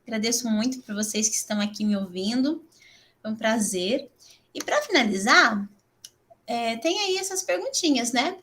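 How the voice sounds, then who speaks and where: A woman with a Brazilian accent, a middle-aged English teacher giving a chatty, animated training talk to other teachers, filling pauses with "né". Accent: Brazilian Portuguese. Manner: chatty, fills with frequent "né"; animated, laughs and jumps up in pitch.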